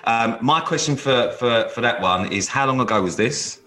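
A man's voice: medium pitch, normal speed, bright, forceful tone. A British man hosting casual banter, asking questions in a blunt, sweary way. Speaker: game show podcast host.

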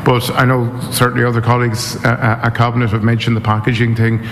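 Fast, flat man in reverberant room. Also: medium pitch. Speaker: government politician. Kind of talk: answering questions, unscripted. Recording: reverberant room with faint noise.

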